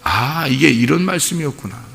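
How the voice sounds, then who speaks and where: A male pastor preaches an impassioned sermon, asking rhetorical questions and now and then acting out pleading voices. His voice is gravelly and bright. It rings with the long reverb of a church sanctuary. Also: mid-range voice, expressive, moderate pace.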